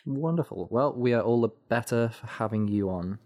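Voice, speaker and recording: A man hosting a podcast in an upbeat, welcoming manner as he introduces his guest and the topics ahead. His voice sits at an ordinary middle pitch for a man, and his talk is easy and friendly. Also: normal speed, darkish tone. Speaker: podcast host.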